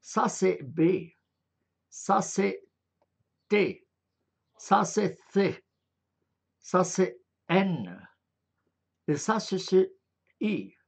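Extremely slowly and with long pauses, a man explains Arabic script in an online lecture, his high, sing-song voice gravelly and husky. He falters and uses many fillers while spelling out letter sounds individually.

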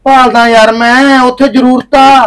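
A man's voice: extremely high pitch, level tone, unhurried, fairly bright tone, clean tone, faint music behind. A man playing an impatient young farmer husband who talks brusquely and dismissively. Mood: frantic. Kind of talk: village drama acting.

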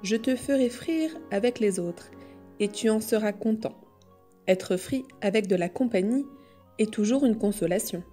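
A woman's voice: medium pitch, normal speed, dark tone, soft background music, natural voice. A woman voicing a cruel, greedy fisherman who mocks his catch, in a storybook reading. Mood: mocking.

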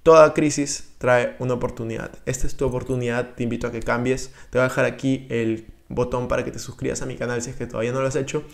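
A young man talks straight to the camera, coaching viewers on their money. His delivery is energetic and urging, full of gestures, at a middle pitch. He sits close to a boom-mounted studio mic in a small room. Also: quick pace, vocal fry, hardly any pauses. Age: young adult. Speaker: personal finance YouTuber. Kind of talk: direct-to-camera finance advice. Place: small room indoors, seated on a couch. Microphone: studio mic on a boom arm in front of him.

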